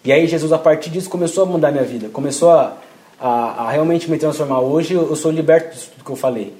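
A man's voice: a little high, quick pace, warm tone. A young man giving an informal sermon, talking casually with slang and acting out quoted prayers. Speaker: preacher. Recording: echoey room, faint ambient noise.

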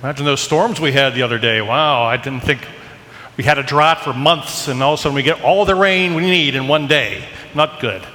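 A man's voice: medium pitch, fairly quick, bright, forceful tone. A man speaking as a priest, reading scripture and preaching at Mass, his voice carried in a cathedral-like echo. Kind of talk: Gospel reading and homily at Mass. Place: large reverberant church. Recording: long cathedral-like echo, background noise.

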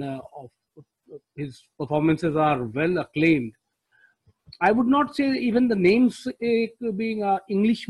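A man's voice: on the high side, a little mellow, slightly rough, dry recording, poor audio. A man speaking casually as a panelist in a podcast discussion.

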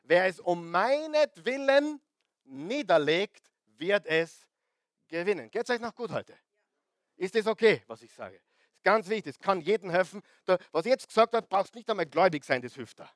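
A middle-aged man preaching a lively sermon to a congregation, often asking the crowd questions and swinging between loud and soft. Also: high-pitched, fairly quick, dry recording. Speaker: pastor.

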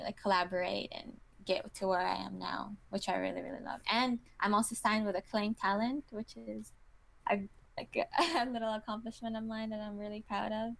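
This woman is a model from Kazakhstan, in her twenties, handling an interview casually with small laughs and constant fillers such as "you know." She speaks in a mid-range voice with vocal fry, captured in a dry recording.

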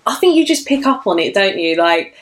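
A woman's voice: mid-range voice, sing-song, fairly quick. A young woman, chatting candidly about dating as a podcast co-host, full of "like" fillers. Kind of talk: casual chat about dating.

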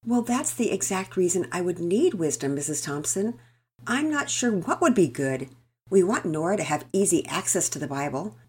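A woman voicing a gentle, patient mother who speaks in a soft, polite, measured way. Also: lowish voice, big pitch swings, slightly rough, exaggerated voice. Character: gentle, patient mother, calm under pressure.

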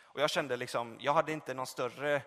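Passionate preacher in an echoing hall. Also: male voice, medium pitch, steady tone. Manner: passionate, swings from loud calls to soft reflection; conversational with fillers and retold dialogue. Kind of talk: sermon. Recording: long reverb of a hall.

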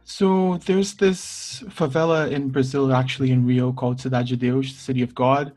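A young man hosting a podcast, speaking in a measured way and asking questions in a casual discussion. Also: mid-range voice, fairly even intonation, darkish tone, soft background music. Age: young adult. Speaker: podcast host.

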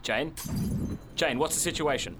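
A man's voice: on the high side, a little slow, background noise, close to an everyday voice. A man playing a smug, pompous doctor who co-hosts a parody radio variety show in a polished presenter manner. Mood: smug, upbeat.

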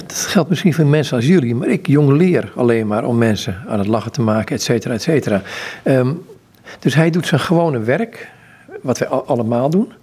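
A man who interviews a guest about her books and reflects calmly on a story, with fillers and restarts. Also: medium pitch, breathy edge. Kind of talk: conversational interview.

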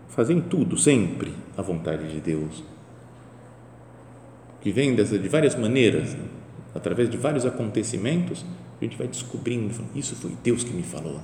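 Male preacher, lively storyteller, warm low tone, roomy hall echo, faint background ambience. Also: a little hiss or hum. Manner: animated storytelling, acts out quoted voices. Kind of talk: spoken meditation.

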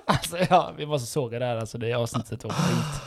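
A man's voice: mid-range voice, no echo, clean studio sound. A young man, co-hosting a podcast in casual chat, telling stories animatedly, acting out what people said and laughing often. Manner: animated storytelling, acts out quotes, laughs often. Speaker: podcast co-host.

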